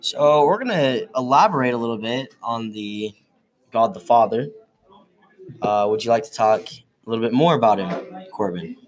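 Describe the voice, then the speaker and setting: A man co-hosting a casual podcast, talking in a halting way with many fillers. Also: medium pitch, animated. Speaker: co-host.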